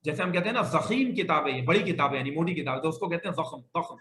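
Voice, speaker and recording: A man teaching an Arabic grammar class, patiently repeating sentences slowly and correcting his students. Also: a little high, a bit bright, reverberant.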